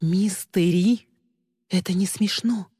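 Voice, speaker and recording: A woman voicing a frightened young woman who pleads and cries out in a high, strained voice. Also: slow, mellow, breathy edge, no room sound, studio quality. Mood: frightened, pleading. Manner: high, strained and tearful, rising to shrieks.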